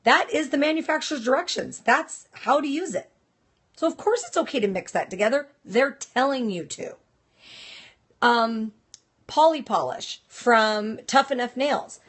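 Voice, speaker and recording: A woman's voice: high voice, expressive, unhurried. A woman hosting a casual live stream, talking directly and chattily to viewers while reacting to their comments. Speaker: host of a nail industry live stream.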